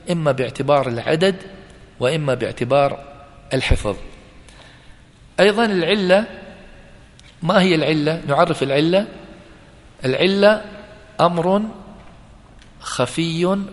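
A male teacher giving a classroom lecture, repeating key terms slowly and putting questions to his students. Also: fairly high pitch. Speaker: teacher of hadith sciences. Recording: long reverb in a hall.

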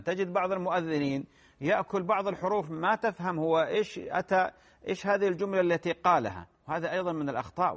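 Measured Arabic-speaking scholar answering questions. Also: male voice, fairly high pitch. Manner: measured, repeats key phrases, clears throat. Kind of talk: religious Q&A lecture.

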